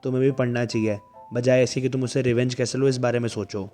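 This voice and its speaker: Guy voicing a bossy teen schoolgirl, scolds the boys, stays in his own low voice. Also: little pitch movement, fast talker, dark tone, soft background music, lightly acted. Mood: chiding. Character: cheerful, bossy teenage schoolgirl.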